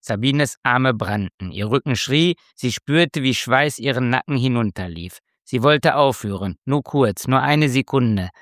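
Slow, measured man narrating a story. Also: mid-range voice, lively intonation, a bit bright, no room sound, studio quality. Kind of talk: scripted narration.

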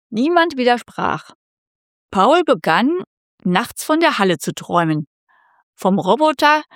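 A woman narrating a story in a measured, expressive way. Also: fairly high pitch, no echo, studio quality. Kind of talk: scripted narration.

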